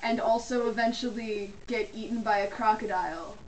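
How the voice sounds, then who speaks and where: A woman co-hosting a casual comedic chat, talking in an excitable, emphatic way with quick asides. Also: on the high side. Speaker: podcast co-host. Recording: roomy, distant mic, faint noise.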